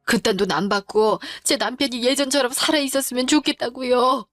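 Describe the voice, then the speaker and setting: A grieving middle-aged widow, pleading but firm, as a woman puts her on. The voice is a touch high and close, dry, with faint music behind it. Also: a little fast, fairly bright tone, no echo, natural voice. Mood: distressed. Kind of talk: storytelling drama voice acting.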